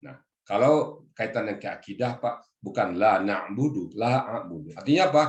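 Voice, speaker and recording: A man's voice: lowish voice, lively intonation, moderate pace, roomy sound. A man giving a religious lesson on Quranic verses, explaining the grammar word by word and often addressing his listeners as "Pak". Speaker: religious teacher. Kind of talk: Quran exegesis lesson to a group. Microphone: video call.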